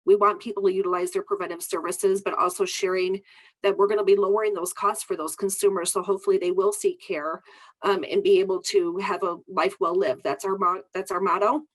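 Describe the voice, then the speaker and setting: A woman's voice: medium pitch, little pitch movement, a little fast. Woman panelist losing her voice. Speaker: insurance broker panelist. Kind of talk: panel remarks.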